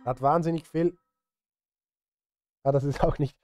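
This is a middle-aged man who composes film music and streams, talking loosely on a live music stream while he thinks out loud and grumbles at himself. The voice sits a little high, with fairly even intonation, a slightly slow pace, and a darkish tone. He's recorded indoors in a home studio, close on a studio mic.

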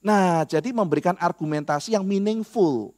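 Man with a high voice, chatty lecturer who keeps checking in with the class. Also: normal speed. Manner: animated, conversational, addresses listeners directly. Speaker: apologetics lecturer.

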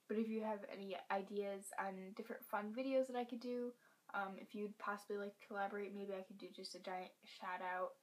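Hushed teen girl vlogging at home. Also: medium pitch. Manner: hushed half-whisper, rambling with fillers. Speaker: pet vlogger. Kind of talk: casual vlog update.

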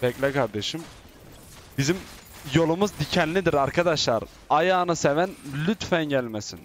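A man giving live commentary as he plays a game, excitable and teasing, often shouting at teammates. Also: fairly high pitch, normal speed, slight background noise. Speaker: gaming YouTuber.

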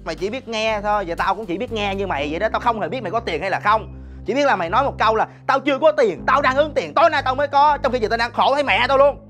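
A man's voice: sits high, fast talker, pushed and bright, faint music behind. A young man with a Southern Vietnamese accent, playing a student who insists his friend repay him. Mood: insistent. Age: young adult. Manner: insistent, cursing. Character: demanding young male student owed money. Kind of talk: web sitcom acting.

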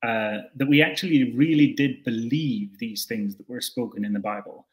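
A young man from Scotland, the guest in a video-call interview, responds to questions from an indoor room at home. His voice is medium in pitch and normal in speed. He sounds reflective and unsure, restarting often and leaning on fillers.

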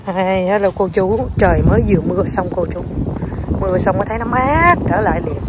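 A woman's voice: mid-range voice, expressive, a little fast, heavy background noise. A woman who is a mother, chatting casually to her viewers while filming her family outdoors by the water. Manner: chatty, talks to viewers and child in turns. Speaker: vlogger and mother. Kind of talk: casual family vlog chat.

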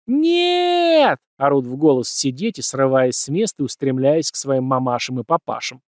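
A man's voice: medium pitch, steady tone, a little fast, darkish tone, dry recording, studio quality. A man narrating a first-person crime story as an audiobook, acting out bits of dialogue.

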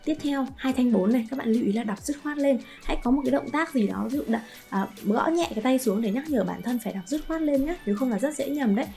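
A woman in her thirties from Vietnam teaching a Chinese pronunciation lesson, speaking directly to learners and demonstrating tones with drawn-out vowel sounds. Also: high voice, expressive, dark tone, faint music behind.

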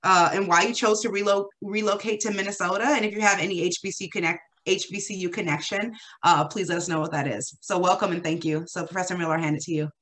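A woman moderating an online forum over a video call, warmly thanking one speaker and introducing the panelists. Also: lowish voice, fairly even intonation, fast. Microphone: webcam on a video call.

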